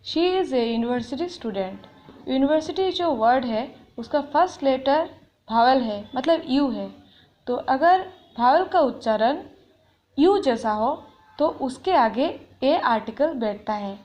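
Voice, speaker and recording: A woman teaching an English grammar lesson, explaining patiently and reading English example sentences slowly. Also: sits high, expressive, darkish tone, muffled recording.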